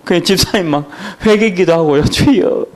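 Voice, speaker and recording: A man's voice: high-pitched, sing-song, normal speed. A man pastor from Daegu with a Gyeongsang accent, preaching a sermon at a church training session in a joking, storytelling way with chuckles. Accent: Daegu Gyeongsang dialect. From Daegu, South Korea.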